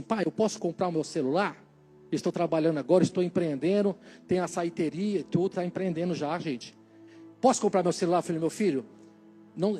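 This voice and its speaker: A middle-aged man from Brazil with a fairly high voice gives casual, faith-based parenting advice. He tells stories and acts out their dialogue in an animated way. Soft music plays faintly underneath. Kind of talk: casual motivational talk to parents.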